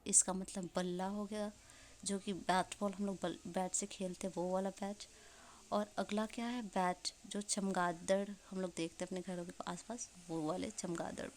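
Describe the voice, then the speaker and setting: A woman teacher gives an exam revision lesson at a middling pitch. She poses questions and answers them herself, and spells words out letter by letter. She slows down to read English definitions. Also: warm tone.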